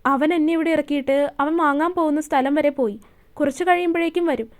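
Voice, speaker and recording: A woman voicing a gentle but firm elderly grandmother, speaking in a calm, measured, motherly way. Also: high-pitched, close to an everyday voice. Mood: tender.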